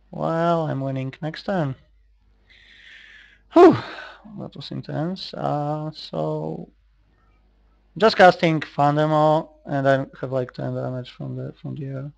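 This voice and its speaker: A man from Poland talks through an online card game he's recording, his Polish-accented commentary casual and hesitant as he reasons out loud. He has a creaky, mid-range voice. There's no room sound, and the high frequencies are cut off.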